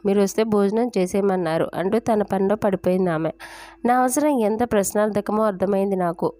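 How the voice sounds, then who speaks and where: A woman narrating an audio story in a measured, reflective first-person reading. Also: medium pitch, warm tone, no echo.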